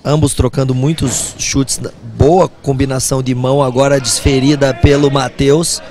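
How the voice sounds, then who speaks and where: A man's voice: mid-range voice, flat delivery, normal speed, a little mellow, faint music behind. A Brazilian man giving live kickboxing commentary as a fight commentator.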